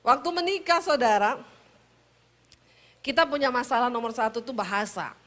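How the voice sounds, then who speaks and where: Lively high-voiced woman preacher. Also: normal speed. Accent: Sulawesi Indonesian. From Sulawesi, Indonesia. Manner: lively, teasing storytelling. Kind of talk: humorous sermon.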